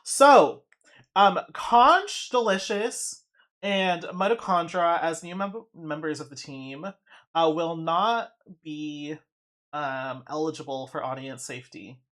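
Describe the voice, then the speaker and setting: A woman's voice: sits low, takes it slowly, fairly bright tone. A woman streaming a game, chatting casually and gossipily in slang as she comments and talks to her audience. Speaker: game streamer running a challenge run with audience votes. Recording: music in the background.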